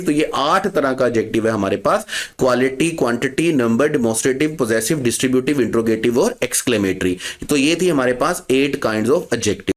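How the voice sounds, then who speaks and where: Male grammar teacher, mid-pitched, quizzing the class and answering himself, spelling out examples slowly. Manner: asks the class questions and answers them himself, calls students "beta"; slows to spell out example words and phrases. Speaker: English teacher. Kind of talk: exam-prep grammar lecture.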